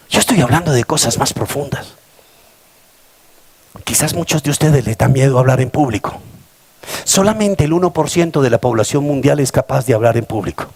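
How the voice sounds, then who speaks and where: A man's voice: mid-range voice, vocal fry, darkish tone, husky. A Colombian man in his fifties, a pastor preaching a sermon to his congregation, with dramatic preaching and calls to the church. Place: church service before a congregation.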